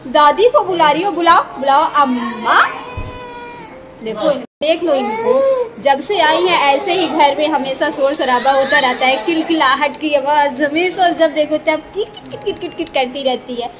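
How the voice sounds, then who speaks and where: High-voiced woman cooing baby talk. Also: expressive, unhurried, noisy background. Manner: cooing, sing-song baby talk with laughs. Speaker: vlogger. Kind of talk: casual home vlog, baby talk to a niece. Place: family home indoors.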